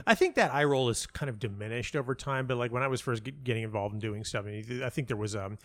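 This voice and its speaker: Fast and a bit bright, a medium-pitched male voice comes through with no room sound. He's a playwright and audio dramatist in an interview, telling stories in a loose, rambling way and frequently breaking into his own sentences.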